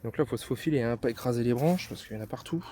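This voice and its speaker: A man's voice: medium pitch, very fast, mellow, a little hiss or hum. A man from France giving a casual, hesitant tour of his vegetable garden as a vlogger, filming on a phone outdoors. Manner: chatty, hesitant with many fillers, self-deprecating. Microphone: handheld phone camera. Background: neighbours' party.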